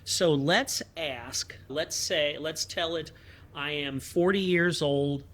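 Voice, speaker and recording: A man with a fairly high speaking voice talks through tax questions on a podcast. He explains things plainly, with a dry, wry edge. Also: slow, a bit bright. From United States. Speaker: podcast host, tax advisor. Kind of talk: casual podcast talk.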